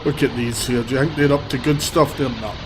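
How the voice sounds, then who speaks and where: A livestreamer talks a little fast in a steady, mid-range voice, rambling bluntly into a handheld phone as he moves along a city street. He sniffles slightly from a cold, and street traffic is loud behind him.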